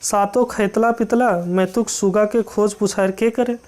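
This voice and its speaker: A teacher walks through a folk tale line by line. The dialect phrases come out slow and deliberate, and each one is followed by a plain, filler-heavy explanation for exam students. The pitch sits in an ordinary middle range. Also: steady tone, a little mellow. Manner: reads dialect lines slowly, then explains them in plain words with many fillers.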